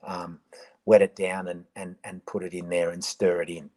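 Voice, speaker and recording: Rambling man, low voice. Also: little pitch movement, moderate pace, dark tone, low-quality recording. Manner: rambling, frequent restarts and ums, reading out viewer comments. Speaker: gardening presenter answering viewer questions. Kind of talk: casual live-stream chat.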